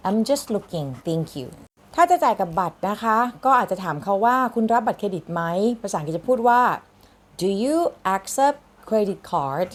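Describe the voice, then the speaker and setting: A young woman English teacher talks her students through useful shopping phrases. She speaks slowly and patiently, explaining in Thai, then sounding each English phrase out word by word so learners can copy it. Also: medium pitch, big pitch swings. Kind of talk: lesson.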